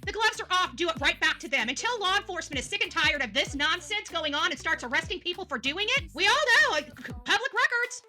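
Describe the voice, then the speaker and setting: A woman livestream host delivers an angry, combative rant, coarse and outspoken, repeating herself for force and swearing now and then. She is clearly worked up, and her very high voice comes out pushed and bright.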